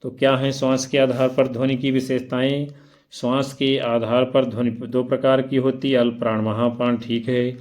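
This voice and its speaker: A man's voice: mid-range voice, little pitch movement, a little mellow. Male tutor with a mid-range voice for an exam prep lesson; reads the questions and options aloud, then explains each answer. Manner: spells out syllables slowly one by one. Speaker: teacher.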